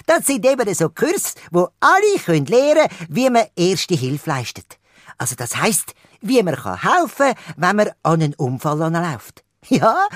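A man playing a cheerful, excitable male parrot hero with a Swiss German accent, theatrical and playful in a children's audio drama. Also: sits high, no echo, clean studio sound.

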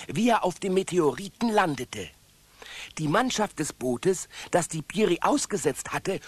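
A loyal little dog tells the story of a radio play. The voice is husky and pitched high with a lively lilt. It sounds dry and close. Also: male voice, no room sound, heavily acted.

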